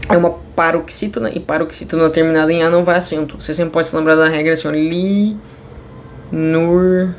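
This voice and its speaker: A woman's voice: sits low, steady tone, rapid-fire, few pauses, slight background noise. A woman teaching a class in a casual, chatty way, drifting off topic and correcting herself with many fillers. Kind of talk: casual online class explanation.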